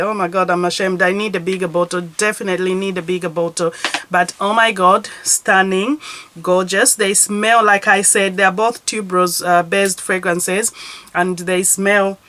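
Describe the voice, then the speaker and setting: With a mid-range, fairly bright voice, a woman who vlogs about fragrance chats through her perfume collection on camera. It's a casual product review, full of gushing enthusiasm.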